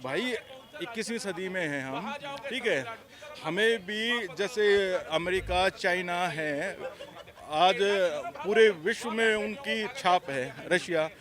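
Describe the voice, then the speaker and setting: Man, high-pitched, argumentative street interviewee, with an audible crowd behind him. Outdoors. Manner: argumentative, dismissive rhetorical questions. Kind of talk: political vox pop.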